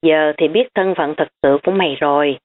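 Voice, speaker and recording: A woman's voice: sits low, a little fast, natural voice. A woman voicing a blunt, teasing young female student, on tinny phone-like audio. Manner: frank and teasing.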